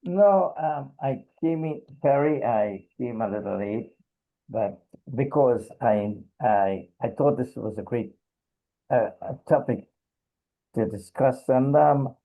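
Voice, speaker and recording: A middle-aged man from Trinidad, speaking haltingly in a casual discussion with many pauses and fillers. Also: mid-range voice, vocal fry. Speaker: discussion participant. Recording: tinny phone-like video call audio.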